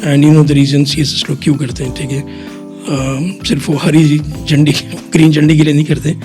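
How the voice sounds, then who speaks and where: With music playing behind him, a middle-aged man talks at a moderate pace in a slightly high, flat voice. He's a chartered accountant from Quetta, Pakistan, guesting on a podcast, where he explains at length, blends English into his Urdu, and says "theek hai" a lot.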